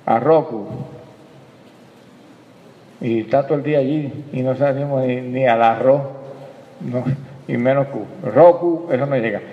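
A man preaching a sermon, calling his listeners brother and swinging from quiet reflection to loud, emphatic bursts. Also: medium pitch, a little slow, pauses often. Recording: echoey hall, dull lo-fi sound, faint ambience.

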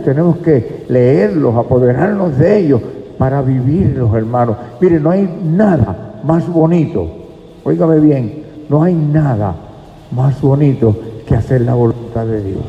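A man's voice: medium pitch, mellow. A man preaching a sermon in a church, emphatic and speaking to the congregation as brothers. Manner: emphatic, addresses listeners as brothers. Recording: echoey hall, dull lo-fi sound.

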